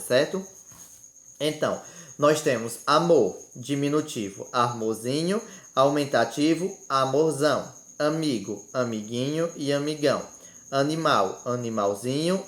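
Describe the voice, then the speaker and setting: A man's voice: a little high, a bit bright. A man teaching a remote lesson, listing words in a didactic way and checking in with the class after each point. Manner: didactic, ends phrases with "certo?". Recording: roomy echo.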